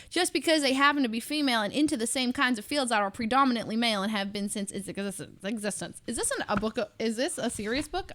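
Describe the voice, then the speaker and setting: A woman's voice: on the high side, bright, forceful tone. A woman streamer reading a book aloud with off-hand asides, practising put-on Southern, British and valley girl accents and stumbling over words as she goes. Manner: stumbles and restarts while reading. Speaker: live streamer.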